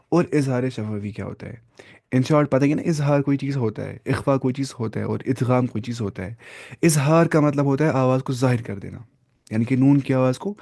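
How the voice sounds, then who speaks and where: A man's voice: mid-range voice, creaky, darkish tone, no echo, studio quality. A man teaching Quran recitation rules step by step. He asks questions, answers them himself, repeats key terms and drops English words into his explanations. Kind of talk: step-by-step tajweed lesson.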